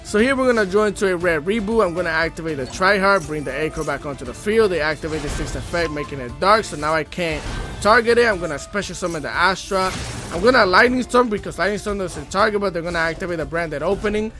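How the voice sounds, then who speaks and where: Congested from a cold, this male gaming YouTuber talks fast in a high, bright, forceful voice, hyping up card game replays with slangy trash talk. Faint music plays behind his casual commentary.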